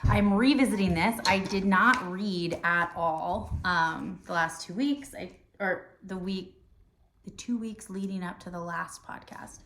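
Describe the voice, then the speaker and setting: A woman's voice: mid-range voice, unhurried, a bit bright, a little hiss or hum. A woman hosting a podcast in casual chat, rambling with lots of fillers and restarts. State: hiccuping. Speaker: podcast host. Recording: roomy echo.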